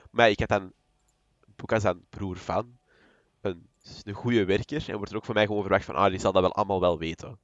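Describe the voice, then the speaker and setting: A man's voice: lowish voice, no echo, dull audio. A young man, chatting on a podcast and often restarting his sentences. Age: young adult. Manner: rambling, with frequent restarts. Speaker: podcast co-host. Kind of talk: casual podcast chat.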